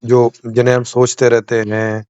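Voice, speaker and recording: Host guy on a video call, mid pitch, calm, keeps saying hmm while listening, a bit dull and dry audio. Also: moderate pace, smooth, no echo. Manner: attentive, frequent short acknowledgements. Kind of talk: casual conversation.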